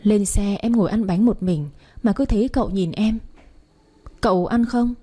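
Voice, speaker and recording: Mellow, husky woman narrating a romance. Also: medium pitch, moderate pace. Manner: chatty, addresses listeners directly. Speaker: story narrator. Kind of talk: first-person romance story reading.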